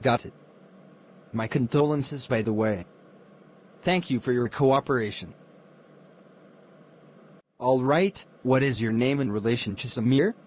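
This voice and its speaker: A man's voice: mid-range voice, unhurried, long pauses, natural voice. A man playing a formal, businesslike police officer questioning witnesses in a murder mystery film.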